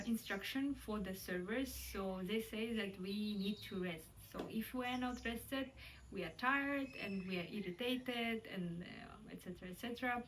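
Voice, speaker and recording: A young Kazakh woman vlogger with a Kazakh accent talks casually and reflectively in a mid-range voice, hesitating often, using many fillers and laughing lightly. The low-quality recording is made from a distance with slight background noise.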